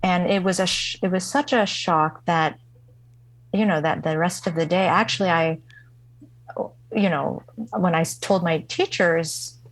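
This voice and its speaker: A guest musician, a woman whose first language isn't English, tells a personal story slowly and reflectively, pausing often and restarting sentences amid many fillers. Her voice is a little low for a woman, recorded dry with no room sound or echo, though the recording is rough.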